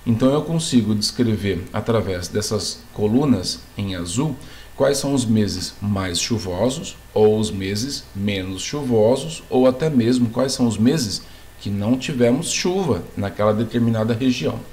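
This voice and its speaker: This geography video lesson comes from a man whose voice sits on the low side, darkish in tone, expressive and moderately paced. He explains each step, checks on the class, and asks questions only to answer them himself.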